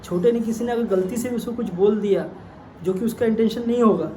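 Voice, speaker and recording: A man's voice: sits high, fairly quick, warm tone, slight background noise. A man giving an earnest opinion monologue, appealing directly to his viewers. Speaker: YouTube commentator. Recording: echoey room with faint ambience.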